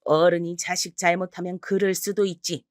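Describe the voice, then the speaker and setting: A woman voicing a bullying, shameless older mother-in-law who scolds with slow contempt, in a storybook reading. The voice is very dry. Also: on the low side, little pitch movement, dry recording, close to an everyday voice. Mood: scolding.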